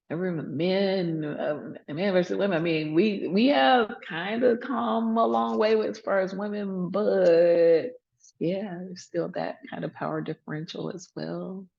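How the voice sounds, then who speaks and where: A woman presents a relaxed workshop over a video call, talking chattily and restarting her sentences often. Her voice has a gravelly, husky grain, and the audio sounds dull and lo-fi. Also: lowish voice. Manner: chatty, lots of fillers and restarts. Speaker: workshop presenter, emergency physician. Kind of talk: laid-back workshop talk.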